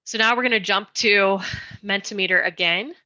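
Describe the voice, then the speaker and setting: Woman presenting at a community meeting, bright. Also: medium pitch, no echo, muffled recording. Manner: explanatory, careful, slowing down on request. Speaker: school design presenter.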